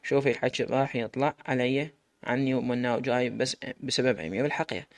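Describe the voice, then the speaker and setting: A man's voice: mid-range voice, steady tone, quick pace, no echo, lightly acted. A man voicing a flustered young woman. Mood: worried. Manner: nervous, self-questioning. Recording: loud background noise.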